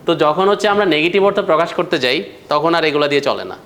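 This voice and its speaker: A man's voice: fairly high pitch, fast, fairly bright tone, slight background noise. A man teaching a grammar class, explaining step by step and asking the students questions. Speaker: English teacher.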